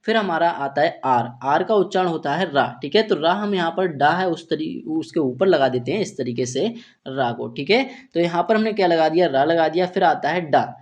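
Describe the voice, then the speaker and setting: A man teaching English reading in Hindi, explaining letter sounds slowly and patiently, often asking himself questions and answering them. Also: fairly high pitch, expressive. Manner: repeats "theek hai" and asks himself questions; slow, patient, step-by-step explaining. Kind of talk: Hindi-language phonics lesson.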